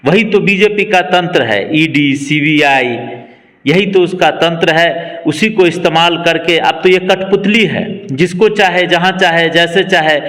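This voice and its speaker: A man's voice: fairly high pitch, a little slow, a bit bright. A man in his twenties, a local party worker, speaking emphatically in a political interview. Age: 20s. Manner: emphatic, rallying speech cadence. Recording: long reverb.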